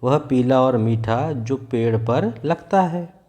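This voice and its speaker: A man reading the part of a hungry male jungle animal in a children's story, slowly and clearly for young listeners. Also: mid-range voice, mellow, natural voice. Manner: read aloud slowly for children.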